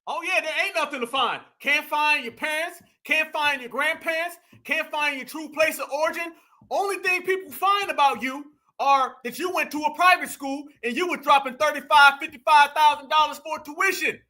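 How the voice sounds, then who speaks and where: A man with a very high voice hosts a reaction commentary show, speaking at a normal pace in a brash, slangy, mocking style. Now and then he breaks into shouts.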